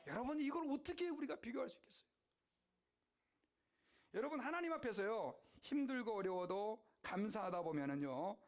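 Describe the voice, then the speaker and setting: A male pastor preaching a sermon, telling stories animatedly and calling out to his congregation. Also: high-pitched. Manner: animated, exclamatory storytelling to the congregation.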